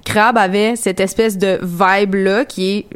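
A woman's voice: medium pitch, fairly even intonation, measured pace, smooth. A woman with a Quebec French accent, co-hosting a casual radio chat, talking in a chatty way with frequent hesitations. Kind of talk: casual on-air chat reviewing a music contest.

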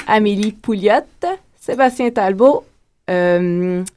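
Mid-pitched woman in interview. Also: slow pace, a little mellow. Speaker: dance performer, guest. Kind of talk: casual radio interview. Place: radio studio.

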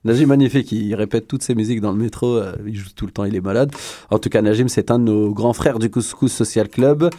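A man's voice: lowish voice, fast, mellow. A man hosting a podcast in casual, playful chat, teasing his guests. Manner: teasing, playful, jokes often. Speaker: podcast host.

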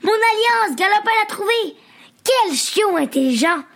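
A woman's voice: sits high, a little slow, vocal fry, a bit bright, pitched above the performer's own voice, heavily acted. A woman voicing a busy mother in a children's story, with a raised, exclaiming voice. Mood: delighted. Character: busy mother, distracted then delighted.

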